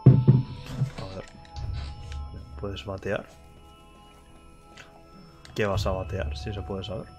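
A man's voice: low-pitched, completely flat delivery, very slow, pauses often, loud music behind the voice. A man giving gameplay commentary in wry, offhand muttered asides. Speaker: let's play host.

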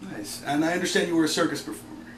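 Deadpan joking man hosting, roomy sound. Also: a little high, rapid-fire, a crowd in the background. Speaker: host. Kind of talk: comedic bedside interview. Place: indoor bedroom set. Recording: roomy with audible background noise.

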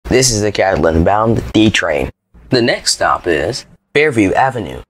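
A man reading scripted transit announcements like a subway or airport announcer, in a formal, measured manner. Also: on the low side, big pitch swings, husky, poor audio. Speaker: train announcer.

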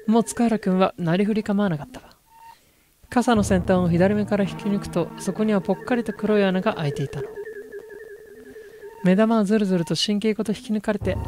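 A game streamer reads horror story text aloud in feminine storytelling style. The voice sits at a middle pitch between typical male and female ranges. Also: a little mellow, dry recording.

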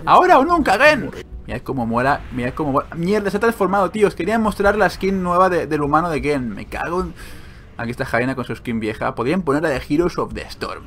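A man talks through his gameplay in casual commentary. He gets excitable, swears freely and throws in joking asides, his voice sitting a little high with a faint hiss of noise behind it. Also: quick pace. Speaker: gaming video host.

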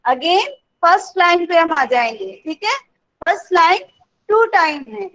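A woman music teacher who sings sargam note names slowly and patiently explains each step of a raga song to her class. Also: very high-pitched, lively intonation, bright, forceful tone, low-quality recording.

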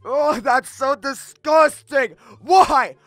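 A man as frantic, high-pitched edgy hedgehog. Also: very slow, a bit bright, dry recording, studio quality, exaggerated voice. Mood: disgusted. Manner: stammering, overwrought, repeats himself. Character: edgy, brooding male hedgehog, panicky and easily disgusted. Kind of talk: comic dub voice acting.

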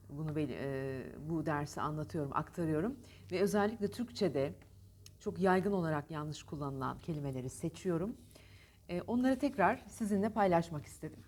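A woman teaching a diction lesson, speaking emphatically and over-articulating words, repeating them slowly. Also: on the low side, a little mellow, slight background noise.

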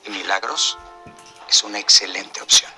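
An actor playing a measured, authoritative hospital director in a telenovela. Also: male voice, fairly low pitch, natural voice. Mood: firm. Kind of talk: telenovela acting. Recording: TV soundtrack with faint music.

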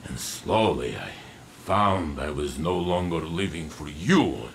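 Saint-14, slow, deep earnest warrior. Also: male voice, lively intonation, gravelly, a little hiss or hum, exaggerated voice. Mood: solemn, grateful. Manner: halting, simple phrasing with emphatic pauses. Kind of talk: video game character dialogue. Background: music.

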